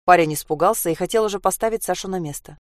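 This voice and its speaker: A woman's voice: fairly low pitch, fast, no room sound, studio quality. A woman narrating a story expressively and voicing the characters. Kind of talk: storybook reading.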